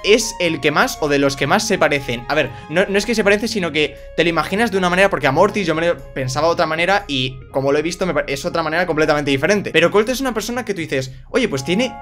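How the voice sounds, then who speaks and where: Excitable Spanish-accented man. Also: on the high side, quick pace, hardly any pauses, soft background music. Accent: Spain Spanish. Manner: excitable, chatty. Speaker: YouTube host. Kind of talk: casual reaction commentary.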